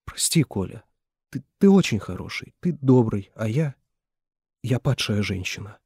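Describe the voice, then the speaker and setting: A man voicing a distraught young woman who shouts and pleads in turn, his voice husky. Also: lowish voice, big pitch swings, measured pace, no echo, studio quality, full character voice. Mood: pleading.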